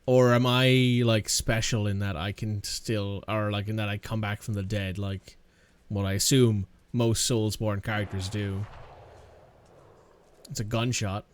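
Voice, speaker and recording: A man's voice: fairly low pitch, little pitch movement, measured pace, clean tone. A man casually commentating while playing a video game, sarcastic and swearing freely. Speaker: gaming channel host. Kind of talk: let's play commentary.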